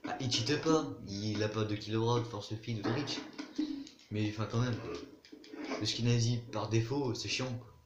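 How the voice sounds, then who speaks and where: A man's voice: lowish voice, normal speed, echoey room, lo-fi sound, background noise. A man casually commenting on his own gameplay, chatting, explaining game mechanics and talking to other players. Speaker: gaming YouTuber.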